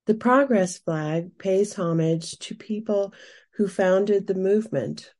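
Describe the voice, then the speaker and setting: A woman reading scripted explanatory narration with soft, breathy tone and deliberate phrasing. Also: mid-range voice.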